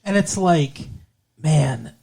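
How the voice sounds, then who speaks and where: A woman's voice: low-pitched, lively intonation, very slow, vocal fry, warm tone, slightly rough. A woman co-hosting a podcast, recapping a TV episode in blunt, sarcastic casual chat and swearing freely. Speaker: podcast co-host.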